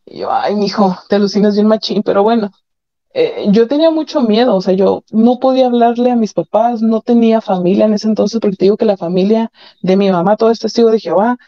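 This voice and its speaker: Speaking fast in a voice on the high side, a caller candidly recounts her personal experiences, frank and matter-of-fact, laughing nervously at times. The phone line cuts off the highs.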